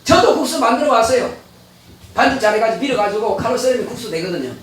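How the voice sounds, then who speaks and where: Male pastor, high lively voice, folksy conversational sermon, echoey church from a distance. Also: fast, slight background noise. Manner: folksy, chatty preaching with rhetorical questions. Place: church sanctuary.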